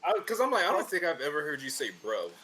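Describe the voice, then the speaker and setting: Lively, teasing podcast guy. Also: on the high side, over a noisy crowd. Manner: joking, quick teasing asides. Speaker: podcast co-host. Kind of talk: casual chat.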